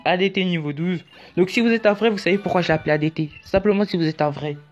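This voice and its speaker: A man's voice: high-pitched, fast. A man talking through a casual tutorial in a chatty, rambling way with jokey asides. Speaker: YouTube tutorial host. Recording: dull lo-fi audio with faint music.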